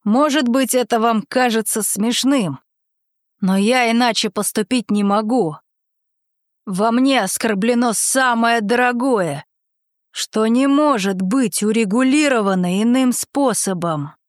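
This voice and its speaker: A woman reading aloud, voicing a stern young nobleman who speaks gravely and formally about his duel. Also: mid-range voice, expressive, unhurried, dry recording, clean studio sound, voice pushed down, natural voice.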